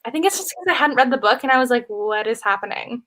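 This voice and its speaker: A woman's voice: sits high, lively intonation, rapid-fire, a bit bright. A woman co-hosting a casual book chat with friends, talking emphatically and laughing easily. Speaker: co-host of a book chat livestream.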